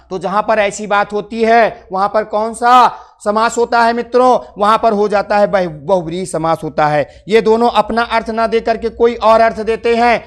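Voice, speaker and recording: High-voiced Hindi-speaking man teaching. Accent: Hindi from Uttar Pradesh. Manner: keeps asking the class short quiz questions and answering them himself; addresses viewers as friends. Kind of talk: exam-prep grammar lesson.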